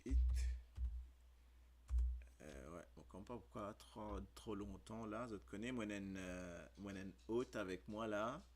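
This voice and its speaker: Slow, low-voiced man spelling out words. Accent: Mauritian Creole. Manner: spells out words letter by letter, hesitant with many fillers. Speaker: radio host teaching creole spelling. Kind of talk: casual radio lesson.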